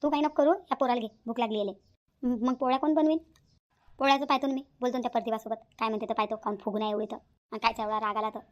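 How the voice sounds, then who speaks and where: Lady voicing a grumbly old village mother-in-law, high voice, talks super fast. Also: steady tone, muffled recording, natural voice. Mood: fuming. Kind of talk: cartoon voice acting.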